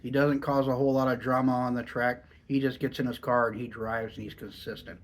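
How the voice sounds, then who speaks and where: A man's voice: medium pitch, flat delivery, a little fast, slight background noise. Man, American accent, lip full of dip, slightly muffled, laid-back folksy rambling, casual review vlog. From Oregon, United States. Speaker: dipping tobacco review vlogger. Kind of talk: casual rambling chat to camera.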